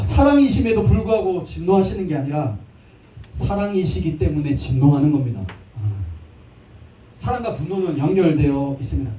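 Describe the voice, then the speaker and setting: A man's voice: fairly high pitch, dark tone, slight background noise. A man in his thirties preaching a live church sermon, playful, with jokes and little acted scenes. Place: church sanctuary. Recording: echoey church hall from a distant mic.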